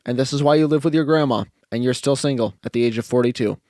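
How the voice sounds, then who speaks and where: A man's voice: mid-range voice, quick pace, darkish tone, no room sound, clean studio sound. A young man doing a sarcastic comedy rant, mocking things in turn. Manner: sarcastic, mocking, puts on silly voices. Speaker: comedic music reviewer. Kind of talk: comedy rant, roasting genres.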